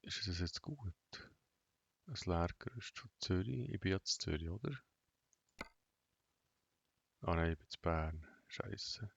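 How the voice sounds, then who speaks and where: A man with a Bernese Swiss German accent giving casual let's play commentary in a flat, monotone way, half talking to himself. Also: deep voice, measured pace, vocal fry, pauses often, husky, dry recording, muffled recording. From Switzerland. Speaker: gaming video host. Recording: noisy, vehicle engine and clicking behind. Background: truck game engine sounds and clicks.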